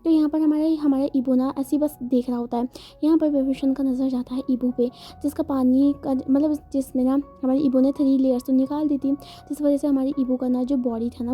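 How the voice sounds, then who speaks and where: A woman narrating a story in a chatty, casual way, often correcting herself. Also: sits high. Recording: dull lo-fi sound, faint music.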